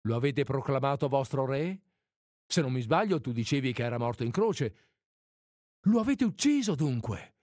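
A man voicing a calm male martian visitor who questions patiently like a teacher. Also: medium pitch, moderate pace, dry recording, studio quality, lightly acted. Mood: calm questioning.

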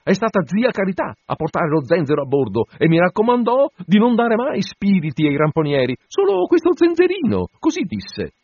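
A man voicing a meek, frightened ship's steward who protests in a shrill whine. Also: huge pitch swings, moderate pace, hardly any pauses, a little mellow, husky, no echo, heavily acted. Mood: whining. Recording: dull dry radio broadcast.

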